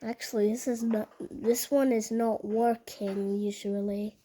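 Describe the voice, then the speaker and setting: A woman giving casual vlog commentary in a halting, repetitive way, often restating her phrases. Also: on the high side, steady tone, warm tone. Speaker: video narrator.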